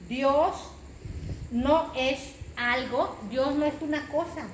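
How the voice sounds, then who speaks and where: A woman's voice: high-pitched, slow pace. A woman preacher, giving an emphatic sermon and repeating phrases for stress. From Mexico. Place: church hall. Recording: echoey church room with background noise.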